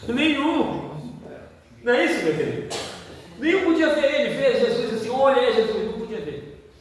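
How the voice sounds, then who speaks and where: A man's voice: extremely high pitch, big pitch swings, normal speed. A man, an evangelist preaching a sermon in a church, who keeps asking the congregation questions. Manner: asks the congregation questions again and again. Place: church hall. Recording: echoey hall, distant mic, faint noise.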